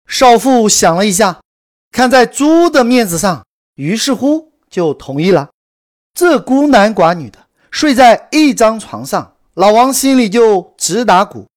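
A woman telling a promotional story in a brisk, emphatic scripted sales delivery. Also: fairly high pitch, big pitch swings. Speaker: course promoter narrator.

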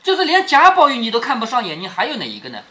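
Animated man explaining a story aloud. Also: very high-pitched, racing. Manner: chatty, often checks in with the listener. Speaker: father reading a classic novel to his daughter.

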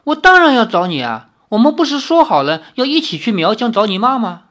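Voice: mid-range voice, big pitch swings, normal speed, pitched above the performer's own voice. A reader voicing an eager young man who asks urgent, insistent questions.

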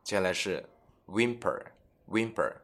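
A man teaching English expressions in a scripted bilingual lesson, reading each example sentence slowly and deliberately. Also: low voice, animated, a bit bright.

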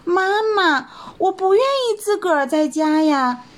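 A woman's voice: very high voice, very animated, slow, voice pushed up, heavily acted. A woman doing a clingy little bunny child. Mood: whining. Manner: pleading, childlike. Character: small young rabbit child, clingy and whiny.

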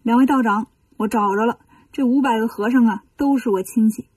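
Here is a bragging monkey king from a storybook told aloud, voiced by a woman. His voice is warm and breathy, with a playful, teasing confidence. It sits slightly higher than average and sounds a little distant from the microphone. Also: a little fast, no echo. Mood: teasing, confident. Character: cheeky boastful male monkey king hero.

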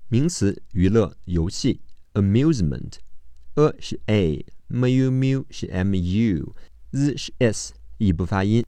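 A man teaching English vocabulary, slowly spelling out each word's letters and sounds. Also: on the low side, expressive, warm tone, no room sound. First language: Chinese. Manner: slow, deliberate spelling-out of word sounds. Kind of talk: vocabulary phonics lesson.

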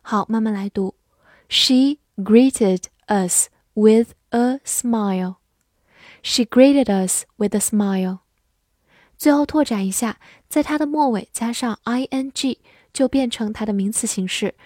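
A woman teaching English vocabulary in a scripted lesson, spelling words letter by letter and reading example sentences slowly. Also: on the high side, mellow, dry recording, clean studio sound.

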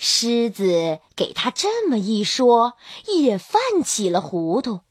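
A woman storyteller reading a children's storybook in an animated, sing-song, expressive way. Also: on the high side, slow, husky, no echo, clean studio sound.

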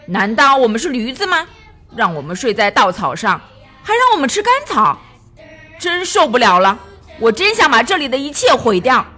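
A woman voicing an angry male elephant king in a children's storybook, loud and huffy. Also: fairly high pitch, very animated, moderate pace, faint music behind. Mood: indignant.

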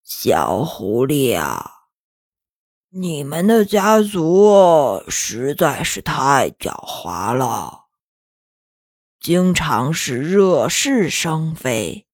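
Lady doing a stern old goat teacher guy, deep and slooow, dry close sound, kids' story. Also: big pitch swings, dry recording, heavily acted. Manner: slow, weighty, scolding.

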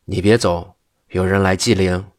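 A man reading the lines of a calm, wry wandering old monk in an unhurried, matter-of-fact way. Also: low-pitched, dry recording, studio quality, natural voice.

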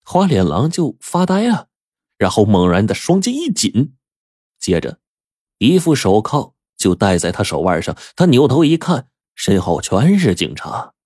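Lively male storyteller. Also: medium pitch, a little slow, husky, dry recording, clean studio sound. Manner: lively, colloquial, with voices for every character. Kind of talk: storytelling narration.

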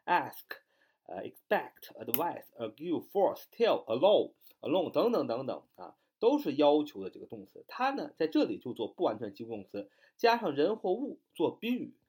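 Lively-pitched man teaching grammar. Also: breathy edge. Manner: explains in Chinese, reads English examples slowly and spells words letter by letter. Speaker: English teacher. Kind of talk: spoken grammar lesson.

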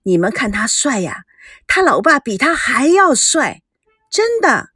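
A woman voicing an excitable, boastful young woman who squeals with delight. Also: high-pitched, unhurried, husky, dry recording, studio quality, full character voice. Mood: thrilled.

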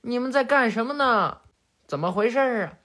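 A woman voicing a boisterous father who shouts, raising her pitch and volume. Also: expressive, a little fast. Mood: calling out. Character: loud, boisterous father, a grown man.

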